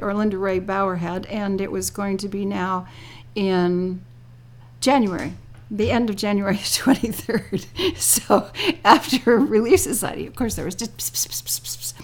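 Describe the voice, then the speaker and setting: An older woman being interviewed, telling a personal story in a lively way, laughing often and acting out what others said. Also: medium pitch.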